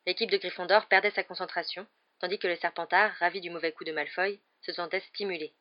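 A woman narrating a novel as an audiobook, reading in a lively storytelling manner. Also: fairly low pitch, fast, lo-fi sound.

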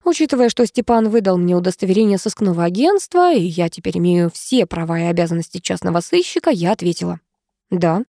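Woman narrating, mellow and dry. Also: on the low side, expressive, fast talker, hardly any pauses, no echo. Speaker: audiobook narrator. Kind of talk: scripted narration.

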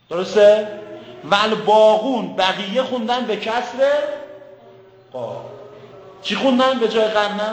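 High-voiced man lecturing in an echoey classroom. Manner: questions the class often, recites words slowly. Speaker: teacher of Quran commentary. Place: classroom with a board.

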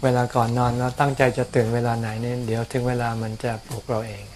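A man, a Buddhist monk, answering questions about practice in a calm, explanatory way, often repeating words. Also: mid-range voice, fast talker, a little hiss or hum. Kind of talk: casual dharma Q&A. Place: outdoors on a mountain.

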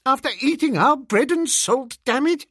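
A man doing a quivering, melodramatic young gentleman. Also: very animated, normal speed, no room sound, studio quality. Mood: outraged. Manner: high, breathless, quivering pleading.

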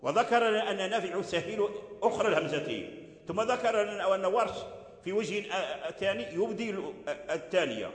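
A man's voice: high voice, lively intonation, fairly quick. A man, teaching Quran recitation and explaining verse by verse while repeating example words. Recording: echoey hall.

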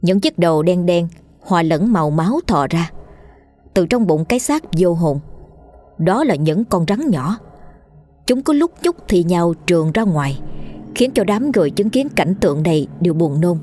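A woman narrating a horror story in a steady storytelling manner. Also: fairly low pitch, moderate pace, no room sound, soft background music.

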